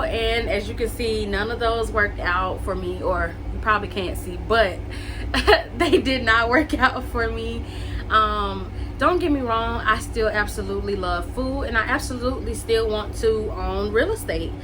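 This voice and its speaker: Talking to camera, this vlogger, a woman in her late twenties with a mid-range voice, chats casually so viewers can get to know her. Her speech is full of "likes" and "ums," she addresses everyone as "y'all" and "guys," and there's background noise.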